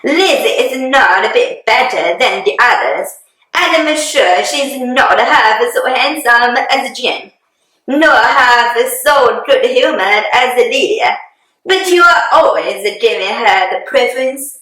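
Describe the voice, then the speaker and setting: A woman playing a fussy, excitable, self-pitying middle-aged wife and mother in a hammy, theatrical dramatic reading. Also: on the high side, slow pace, exaggerated voice. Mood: indignant, aggrieved. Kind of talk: dramatic reading of a classic novel. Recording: very echoey room.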